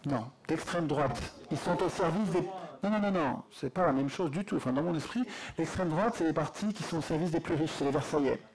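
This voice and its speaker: A man speaking at a public conference debate into a handheld mic in a lecture hall, animated and insistent. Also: a little high, fairly quick, few pauses.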